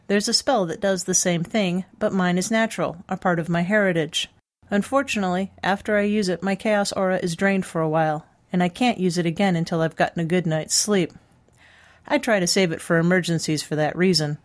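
A woman's voice: fairly low pitch, fairly even intonation, brisk, lightly acted. Woman as Callie, a sly, sincere succubus-blooded charmer. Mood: explaining, calm. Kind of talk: dramatized audiobook dialogue.

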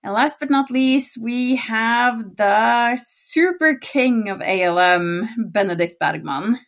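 A Norwegian woman co-hosts a podcast, chatting casually in a Norwegian accent. Her fairly high, somewhat bright voice is animated. She is giggly, talkative and speaks fast.

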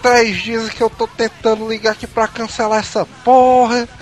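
A man telling a story in casual chat, animated and acting out the voices he quotes. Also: very high-pitched, moderate pace.

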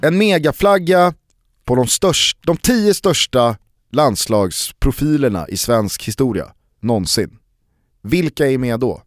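A man hosting a casual podcast chat, animated and joking, often pausing on fillers as he builds his point. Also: medium pitch, no room sound, studio quality. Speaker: podcast host.

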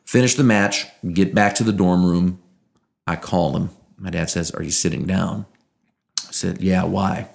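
A young man telling a personal story in a casual, earnest way, quietly emotional. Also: low-pitched, steady tone, measured pace, gravelly.

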